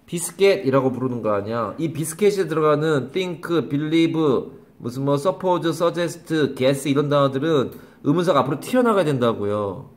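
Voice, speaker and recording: A man's voice: fairly high pitch, expressive, moderate pace. A man teaching an English grammar lesson to a class, calling on students by name, repeating questions and scolding them. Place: small classroom.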